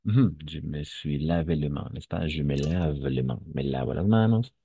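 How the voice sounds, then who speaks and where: Male language teacher, very low dark voice, dry lo-fi sound. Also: vocal fry, husky. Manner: slow, patient, repeats phrases and switches to Spanish. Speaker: French teacher. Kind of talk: online French lesson for Spanish speakers.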